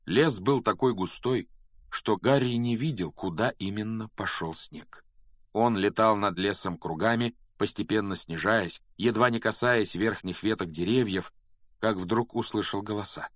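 A man reading a children's novel aloud as an audiobook narrator, steady and measured. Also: fairly low pitch, dry recording, studio quality. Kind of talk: scripted narration.

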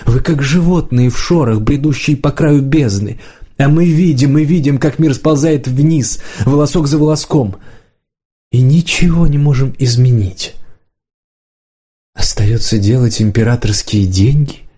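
A man voicing a powerful aging male court magician who mutters in a soft, bitter tone, in an audiobook reading. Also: medium pitch, unhurried, husky, voice pushed up.

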